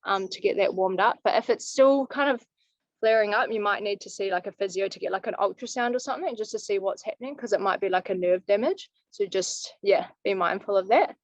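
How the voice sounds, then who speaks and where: A woman's voice: medium pitch, fairly quick. A young woman, a climbing coach giving easygoing, practical advice in a live online Q&A over a video call. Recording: muffled, dry video call audio.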